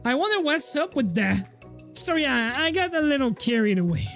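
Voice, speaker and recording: A fussy little dog professor lectures in a hurried, apologetic rush, as a woman reads him. He sounds frazzled and busy in a playful game scene. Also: high-pitched, very animated, soft background music.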